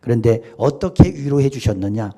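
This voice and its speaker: A man preaching a Sunday sermon, swinging from loud exclamations to hushed, intimate asides. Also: medium pitch, animated. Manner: sings hymn lines slowly. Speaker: pastor.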